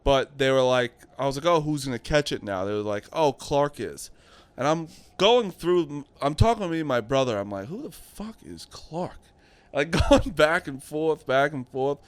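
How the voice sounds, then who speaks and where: Smooth-voiced man telling a lively story. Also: mid-range voice, normal speed, dry recording. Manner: storytelling, laughs often, swears casually. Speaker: podcast co-host. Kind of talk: casual chat.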